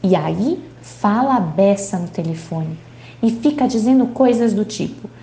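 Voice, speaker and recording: A woman's voice: mid-range voice, lively intonation, a little slow, dark tone, echoey room, slight background noise, voice pushed down. A woman reading aloud as a young boy who tells his dream in broken, childlike grammar. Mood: dreamy.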